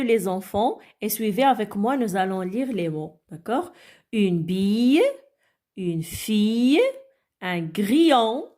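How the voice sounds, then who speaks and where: Animated teacher woman reading slowly. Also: on the high side. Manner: slow, syllable-by-syllable reading, animated. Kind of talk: reading lesson for young children.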